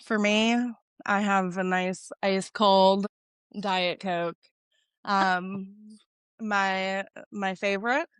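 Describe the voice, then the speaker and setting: A woman co-hosting a sports podcast in casual chat, supportive and quick with affirmations. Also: mid-range voice, flat delivery, clean tone, dry recording. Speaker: podcast co-host.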